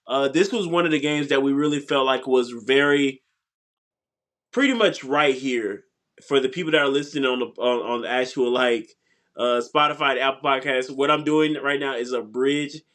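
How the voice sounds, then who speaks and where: A congested man co-hosts a casual sports podcast. His voice sits at an ordinary pitch, and he talks haltingly with frequent ums and uhs. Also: fairly bright tone. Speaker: podcast co-host.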